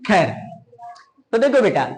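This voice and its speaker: Teacher, informal lesson, middling pitch, repeats sounds to demonstrate, teasing asides. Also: big pitch swings, a little slow, low-quality recording. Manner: calls listeners "beta", demonstrates sounds by repeating words. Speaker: English pronunciation teacher.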